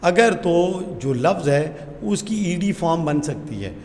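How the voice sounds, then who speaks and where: A man's voice: on the high side, lively intonation, a little mellow. Man teaching grammar in a roomy hall. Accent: Pakistani Urdu. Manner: asks the class questions and answers them himself; reads English sentences slowly. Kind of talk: classroom grammar lesson. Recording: roomy hall reverb with faint noise.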